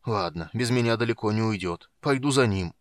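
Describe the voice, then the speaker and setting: A man voicing a big, strong warrior who bellows gruffly out of worry for his brother. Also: on the low side, expressive, brisk, dry recording, close to an everyday voice. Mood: grumbling.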